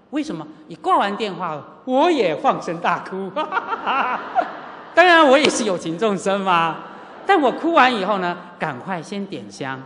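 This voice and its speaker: Middle-aged preacher, animated storytelling sermon, lively pitch, long hall reverb. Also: slight background noise. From Taiwan. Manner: animated, acts out dialogue, asks the audience rhetorical questions. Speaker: Buddhist teacher giving a sutra lecture. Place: lecture hall at a Buddhist centre.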